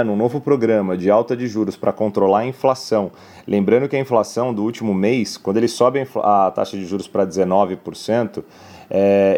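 A man with a low, warm, mellow voice, commenting on markets in a news segment. He explains at length, filling his sentences with tag questions and brief restarts. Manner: explanatory, many filler "né" tags. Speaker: market analyst.

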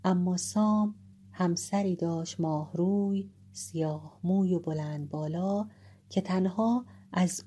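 A woman storyteller narrating an old epic with measured, dramatic pacing. Her voice sits low and sounds husky and mellow throughout. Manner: measured, dramatic, shifting pace for suspense. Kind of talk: expressive narration of an epic tale.

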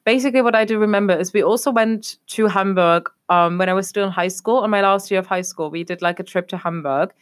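A woman's voice: medium pitch, quick pace, hardly any pauses. A young adult woman from Germany chatting casually as a podcast co-host, rambling and leaning on fillers like "obviously.". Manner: rambling, leans on fillers like "obviously" and "a whole thing". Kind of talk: casual chat.

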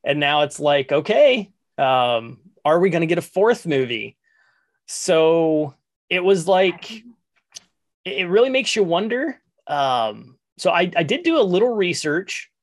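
A man with a slightly raised voice hosts a casual podcast chat. He rambles along in a relaxed way, stacking up fillers as he retells events. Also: fairly high pitch, unhurried. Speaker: podcast host.

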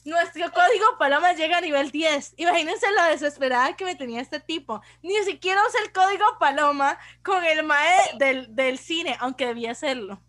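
A woman's voice: high-pitched, a little fast, few pauses. A young Costa Rican woman telling a story in casual chat, acting out the dialogue and saying mae a lot. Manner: animated, acts out dialogue, says mae constantly. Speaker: podcast co-host.

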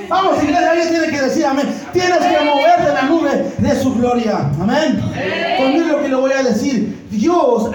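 A man preaching a sermon as pastor, asking the congregation questions and often shouting. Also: very high voice, distant mic. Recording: heavy echo of a church hall.

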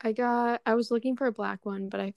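A young woman co-hosting a podcast in casual chat, relaxed and agreeable. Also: on the high side, a little fast, creaky, dry recording, studio quality. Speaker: podcast co-host.

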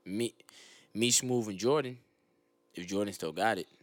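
A man's voice: lowish voice, unhurried, no echo. A man chatting casually as a podcast guest, boasting and then mocking himself, with profane slang. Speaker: podcast guest, friend of host. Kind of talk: casual chat.

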